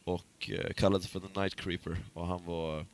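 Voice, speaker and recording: A man's voice: low voice, little pitch movement. A man co-hosting a casual podcast chat, talking hesitantly with many fillers and restarts. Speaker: podcast co-host.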